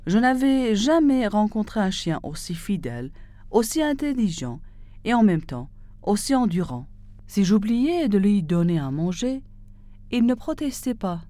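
A woman's voice: medium pitch, very animated, a little slow, mellow, no echo. A woman voicing a weeping, miserly man in a spoken fairy tale, delivering his lines in a plaintive, tearful way. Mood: sorrowful. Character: weeping, stingy man grieving his dog.

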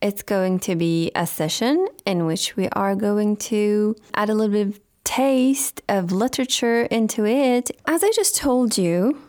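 A woman's voice: mid-range voice, darkish tone. A woman presenting a scripted radio talk programme as host, speaking in a formal, earnest and courteous manner.

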